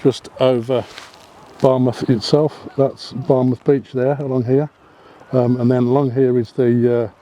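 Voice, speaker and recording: This photography vlogger's voice is medium-pitched and mellow, with little pitch movement and a slightly slow pace. He isn't Welsh, and he chats loosely while walking a hillside path above a seaside town, frequently umming and correcting himself.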